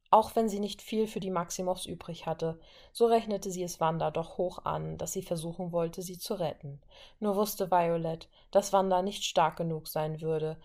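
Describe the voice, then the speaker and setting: A woman narrating a fan fiction audiobook in a steady reading voice. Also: fairly low pitch.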